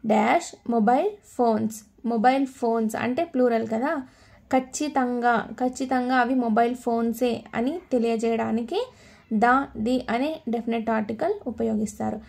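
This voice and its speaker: A woman's voice: fairly high pitch, fairly even intonation, normal speed, vocal fry, a little mellow. A woman with a Telugu accent teaching spoken English, repeating key words and asking her learners questions as she explains. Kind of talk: explanatory lesson.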